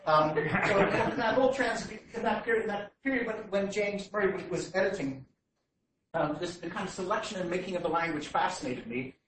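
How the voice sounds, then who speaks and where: A Canadian man with a high voice gives a public lecture in a large hall without slides, speaking a little fast and hesitantly, full of fillers and restarts. A distant room mic catches him from afar in a very echoey space with faint noise.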